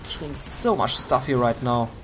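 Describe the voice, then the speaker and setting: A man's voice: medium pitch, normal speed, slight background noise. Man casting a video game match. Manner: excited bursts at big plays. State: voice going hoarse. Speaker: esports caster. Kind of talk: solo game commentary.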